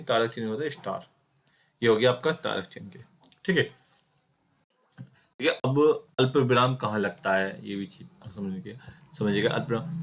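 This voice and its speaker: A man teaching an exam-prep Hindi grammar lesson, explaining step by step with many fillers and self-corrections, and speaking directly to his students. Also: medium pitch. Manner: addresses students directly, repeating key points.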